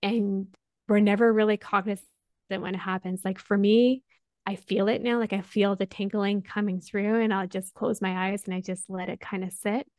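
A woman's voice: mid-range voice, normal speed, no echo. Chatty woman with a dry close sound. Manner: animated, laughs often, leans on "right?" and "like". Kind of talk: casual conversation.

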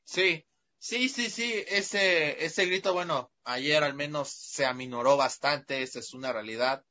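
Mexican guy on a football talk show, kinda high and bright, talks fast, dull lo-fi audio. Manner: quick, conversational, asks his co-host questions. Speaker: sports show co-host.

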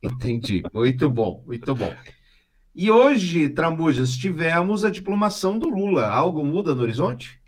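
A man's voice: a little high, very animated, normal speed. A man with a Brazilian accent hosting a casual comedy podcast, sarcastic and fond of spinning made-up scenarios. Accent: Brazilian Portuguese. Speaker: podcast host.

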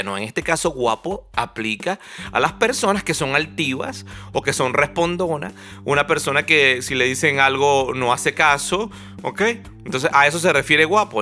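A man's voice: mid-range voice, sharp tone. A man giving a humorous, casual monologue, talking in a conversational, joking way with plenty of asides.

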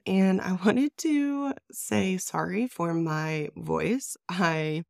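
A brand designer hosts her own solo business podcast, chatty and upbeat despite saying she's congested, so she sounds stuffy and nasal. Her voice is lowish, a little mellow and creaky, and extremely slow, recorded at studio quality with no room sound.

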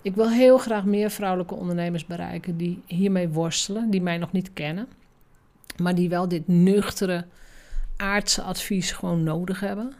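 A woman's voice: lowish voice, steady tone, moderate pace, darkish tone. A middle-aged woman hosting a solo business podcast, coaching listeners in a direct, emphatic, exhorting way.

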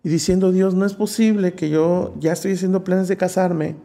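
A man's voice: high voice, moderate pace, vocal fry. A man, a preacher telling a personal testimony in an interview, acting out the voices he quotes. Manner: lively storyteller who acts out quoted voices. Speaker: preacher, guest.

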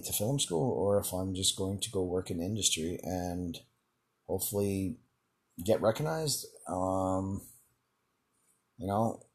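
A man's voice: fairly low pitch, darkish tone. A man hosting his own podcast in a rambling solo monologue, swearing constantly and chuckling between filler words. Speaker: podcast host.

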